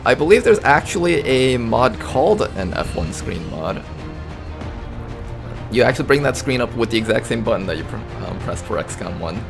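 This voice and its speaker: A man's voice: medium pitch, sing-song, moderate pace, creaky, music in the background. A man giving casual gameplay commentary as a gaming YouTuber.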